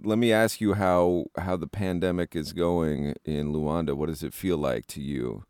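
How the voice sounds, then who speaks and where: A man's voice: low-pitched, moderate pace, darkish tone, clear, resonant tone, no echo, soft background music. A man hosting a podcast, asking questions in casual interview chat.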